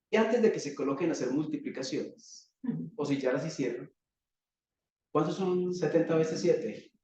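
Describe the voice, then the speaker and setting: Slow, high-voiced Colombian preacher in an echoey hall. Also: male voice, darkish tone, slight background noise. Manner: rhetorical questions, measured preaching with dramatic pauses. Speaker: pastor. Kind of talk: sermon. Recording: echoey hall, distant dull mic.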